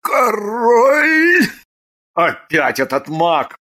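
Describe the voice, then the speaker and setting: A woman voicing a hot-tempered young king in an audiobook, with a loud, blunt way of talking. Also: sits low, very animated, exaggerated voice. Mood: angry. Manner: loud, blunt, quick to anger. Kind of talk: audiobook character voice.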